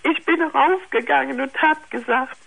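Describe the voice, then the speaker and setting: An older woman calling a radio phone-in over the telephone, talking haltingly with many restarts. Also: high-pitched, creaky, a bit bright, poor audio. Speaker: caller.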